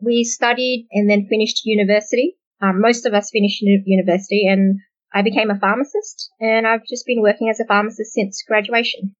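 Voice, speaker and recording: A woman's voice: medium pitch, brisk. Muffled woman guest chatting with many ums. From Australia. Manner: relaxed, hesitant with many ums. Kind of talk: casual interview chat. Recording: muffled, dull audio.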